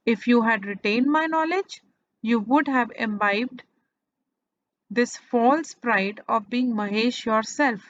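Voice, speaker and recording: Slow-spoken woman narrating scripture. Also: on the high side, muffled recording. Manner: slow, deliberate retelling with pauses. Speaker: scripture reader. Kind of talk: measured devotional narration.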